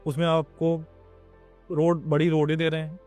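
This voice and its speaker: A man representing a property project, giving a rambling, repetitive sales pitch outdoors. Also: monotone, normal speed, darkish tone, soft background music. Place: outdoors at a plot site.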